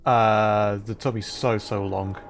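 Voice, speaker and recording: A man streaming a puzzle game talks slowly and steadily in a fairly low voice, with faint music behind him. His commentary is playful and self-deprecating, full of repeated little phrases as he thinks aloud.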